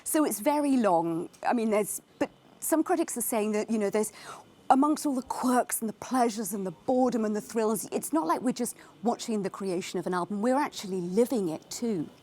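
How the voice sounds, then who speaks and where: A woman's voice: a little high, animated, normal speed, darkish tone. A chatty woman culture correspondent. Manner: chatty, thoughtful, with fillers. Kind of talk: news discussion.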